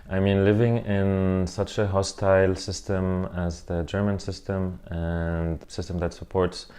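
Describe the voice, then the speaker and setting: A man in his thirties from southern Lebanon, speaking earnestly in a measured filmed interview, pausing with fillers as he gathers his thoughts. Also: sits low, flat delivery, warm tone. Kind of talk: personal testimony interview.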